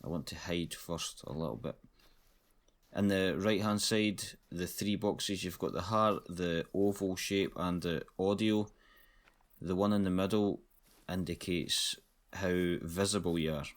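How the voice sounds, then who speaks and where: Male gamer, deep voice, low-key running commentary while playing. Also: measured pace. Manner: low-key, thinking aloud. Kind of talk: casual gameplay commentary.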